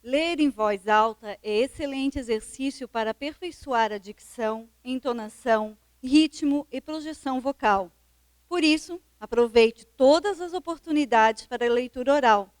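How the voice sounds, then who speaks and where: A woman's voice: sits high, moderate pace, no room sound. Woman reading a text aloud. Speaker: volunteer reader at a seminar.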